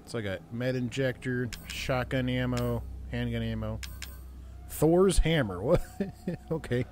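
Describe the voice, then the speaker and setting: Young man, gaming host, chatty and joking, mid-range pitch, faint background hiss. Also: a little slow, darkish tone. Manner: chatty, joking, reads on-screen text aloud. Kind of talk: casual gameplay commentary.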